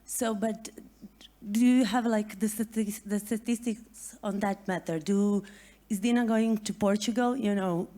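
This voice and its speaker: A woman's voice: mid-range voice, steady tone, unhurried, mellow. A woman from Croatia asking a question from the floor at a conference, hesitant and full of fillers. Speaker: audience member asking a question.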